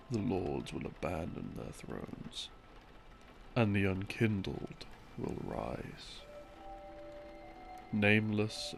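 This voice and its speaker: A very gravelly man murmurs breathily through a soft sleep-aid story, his pitch varying widely as he speaks slowly in short phrases separated by long pauses. He is an audio roleplay narrator in the role of a boyfriend explaining game lore, with soft music playing behind him.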